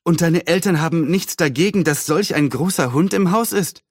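A man's voice: on the high side, moderate pace, no echo, clean studio sound, voice pushed up, natural voice. A man voicing a prim, nosy middle-aged woman neighbor who sounds a little disapproving and fussy. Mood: friendly prim.

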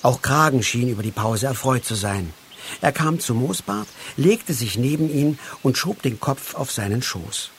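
A man narrating a storybook, reading aloud slowly and expressively. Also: mid-range voice, animated, a little hiss or hum.

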